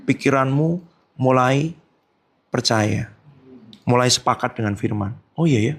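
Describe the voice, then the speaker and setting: A male pastor preaching a sermon at a church service, lively and colloquial, often jumping high in pitch and acting out quotes. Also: measured pace. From Indonesia. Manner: colloquial, frequent tag phrases.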